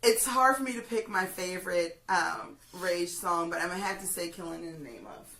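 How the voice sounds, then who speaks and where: A woman hosting a music review, chatting casually and giving opinions in an emphatic, halting way that repeats phrases. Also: fairly low pitch, expressive, a bit bright. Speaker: host of a music review video. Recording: roomy, distant mic, faint noise.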